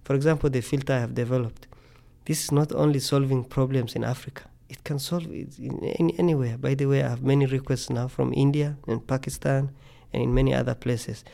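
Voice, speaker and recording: A man's voice: medium pitch, steady tone, a little fast, vocal fry, hardly any pauses, mellow. A middle-aged man from Tanzania, a scientist guest speaking earnestly in a podcast interview, often repeating words as he thinks.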